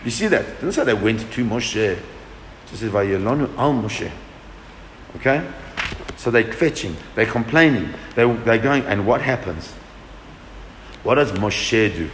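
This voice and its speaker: A man's voice: on the low side, lively intonation, measured pace, long pauses, a little hiss or hum. A man teaching a Torah class to a group, asking questions and answering them with emphasis. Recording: echoey room with long reverb.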